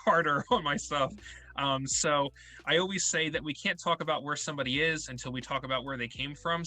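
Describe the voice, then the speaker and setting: A young man with a mid-range, sharp-toned voice hosts an interview podcast. He talks casually and rambles, leaning heavily on filler words.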